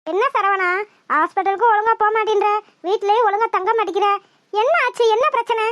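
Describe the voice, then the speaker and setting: A nagging young cartoon woman scolds in a rush, voiced by a woman. Her voice is very high and the pace fast. The recording is dry and close. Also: fairly even intonation, a bit bright, no echo. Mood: scolding. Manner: scolding, quick. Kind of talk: cartoon voice acting.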